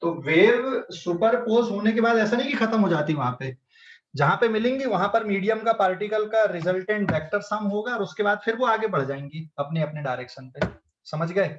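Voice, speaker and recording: A man's voice: high-pitched, lively intonation, a little fast, background noise. A man teaching physics in an online class, explaining step by step and checking often whether students follow, with a central Indian accent. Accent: Hindi-English mixed speech, central Indian. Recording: echoey distant lo-fi online class.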